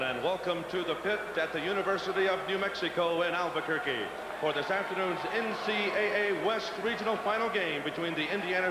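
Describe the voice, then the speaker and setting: A man working as a stadium announcer, formally and deliberately introducing lineups over an arena PA. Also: high-pitched. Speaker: arena public address announcer. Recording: echoing arena PA, loud crowd noise.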